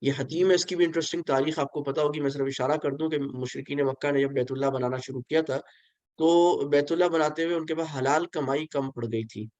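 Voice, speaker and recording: A man's voice: fairly high pitch, fairly even intonation, brisk, a little mellow, no echo. A man giving an online pilgrimage training lesson, explaining step by step and slipping English phrases into his talk. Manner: explains patiently, asks listeners to repeat, mixes in English phrases. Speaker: religious instructor. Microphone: video call.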